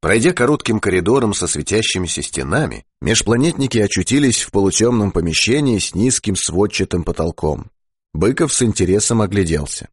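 A man narrating a science fiction audiobook in a measured, expressive reading style. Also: on the low side, breathy edge, dry recording, clean studio sound.

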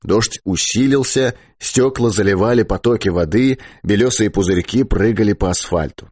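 A man narrating a science fiction audiobook in a measured, expressive reading style. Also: fairly low pitch, husky, dry recording, clean studio sound.

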